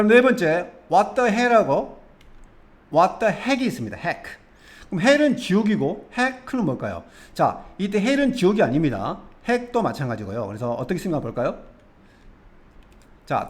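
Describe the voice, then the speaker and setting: A man leading a calm English lesson with a fairly high voice that climbs and dips a lot. He explains each phrase patiently, step by step, and keeps putting questions to the listener. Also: unhurried. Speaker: English teacher. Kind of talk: explaining English expressions from film scenes.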